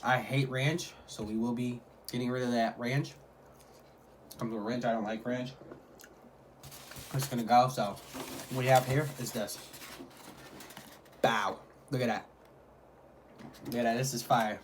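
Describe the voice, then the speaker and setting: Guy doing a mukbang vlog, slangy casual hype talk, normal pitch, pretty noisy home recording. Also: steady tone, a little slow, long pauses. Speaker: mukbang vlogger. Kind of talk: casual food vlog chat.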